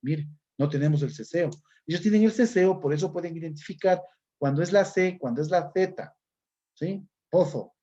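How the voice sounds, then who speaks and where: A man's voice: on the high side, moderate pace, dark tone, highs cut off. A man from Ecuador with an Ecuadorian accent, teaching a class and explaining step by step, often checking in with his listeners. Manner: explanatory, often adds "¿no es cierto?". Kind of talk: recorded class lesson.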